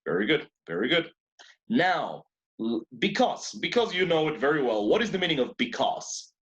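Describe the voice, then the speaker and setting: A man's voice: on the high side, very animated, unhurried, a bit bright, highs cut off. A man teaching an English class in two languages, who repeats words and keeps praising his students. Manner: switches between two languages to explain.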